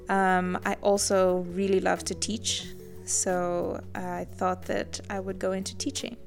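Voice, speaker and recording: A woman's voice: mid-range voice, creaky, a little mellow. A young woman from Zambia, a guest artist, telling her story in a friendly, chatty way in a casual podcast interview.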